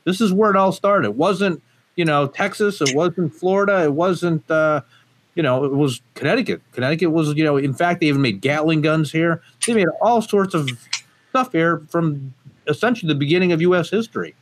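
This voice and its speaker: Brisk and fairly high-pitched, a man who was born in Portugal and grew up in the United States appears as a gun company guest on a relaxed podcast. He speaks with emphasis, peppering his talk with fillers and restarts.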